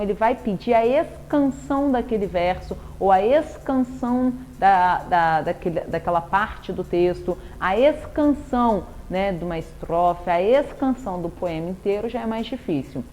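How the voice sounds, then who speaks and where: A woman's voice: medium pitch, a little mellow, slight background noise. Brazilian woman teaching literature. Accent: Brazilian Portuguese. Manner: explanatory, rhetorical questions, frequent "né?" tag. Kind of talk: recorded classroom lesson.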